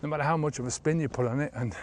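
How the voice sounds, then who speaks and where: A man's voice: on the high side, rapid-fire, slight background noise. A man of about fifty, a sobriety coach, talking casually in a vlog while walking an outdoor trail, rambling with many fillers, filmed on a handheld camera at arm's length.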